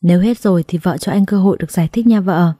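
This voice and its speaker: A woman's voice: on the low side, fast, dry recording, clean studio sound, lightly acted. A woman voicing a meek, pleading husband. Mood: placating. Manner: soft, pleading and placating. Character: meek, cowardly young husband who placates his wife.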